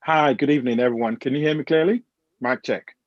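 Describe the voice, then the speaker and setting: A man's voice: mid-range voice, fast, no room sound, highs cut off. A man who works as a transformation coach introducing himself confidently on a panel.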